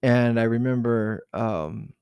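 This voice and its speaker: A man's voice: medium pitch, slow pace, darkish tone, clear, resonant tone, dry recording. A man from southern Arizona recalling a personal memory in an unscripted interview, hesitant and reflective, with many fillers and restarts. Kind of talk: unscripted oral-history recollection.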